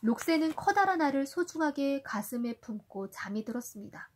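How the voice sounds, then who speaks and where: A woman reading a picture book aloud to a toddler in an expressive storytelling style. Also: high voice, moderate pace, slight background noise.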